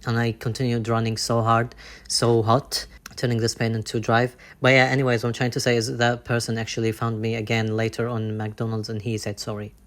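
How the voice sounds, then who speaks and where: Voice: medium pitch, completely flat delivery, brisk. A person talking straight to camera in a candid confessional vlog, rambling and heartfelt, swearing freely and often restarting sentences. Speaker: vlogger.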